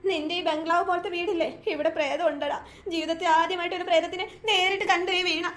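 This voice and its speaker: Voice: very high voice, level tone, fast talker, fairly bright tone, a little hiss or hum. A performer voicing a young woman in a cartoon ghost story, scared and accusing her friend in an emotional rush.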